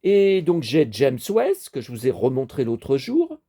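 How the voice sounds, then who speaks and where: A man's voice: mid-range voice, wildly swooping pitch, measured pace, warm tone. A man casually presenting his toy collection to viewers, chatty and rambling, talking straight to the audience. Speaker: collector showing his toys.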